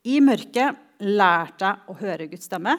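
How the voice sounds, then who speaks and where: Middle-aged woman, earnest spoken testimony, reflective, slow emphatic pauses, church talk. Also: medium pitch, lively intonation.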